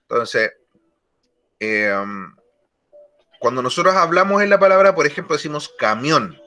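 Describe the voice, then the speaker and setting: Male teacher, bright and slightly high; slow, deliberate classroom explanation. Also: sing-song. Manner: slow, deliberate explanation, repeats key words. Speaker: English teacher. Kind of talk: online grammar lesson.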